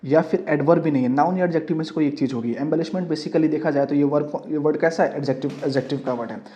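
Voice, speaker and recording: Speaking fast in a warm, fairly high voice, a man runs an exam-prep English class. He mixes in English terms as he explains and constantly asks his students questions that he ends up answering. The audio is dull and lo-fi.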